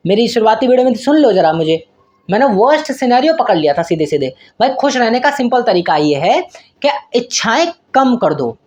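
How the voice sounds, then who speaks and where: A man's voice: very high-pitched, very animated, fairly quick, darkish tone. A man giving casual career advice to his viewers in a raw, unedited video, joking, slangy, and calling them brother. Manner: self-deprecating, rambling with restarts. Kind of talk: casual motivational talk to camera.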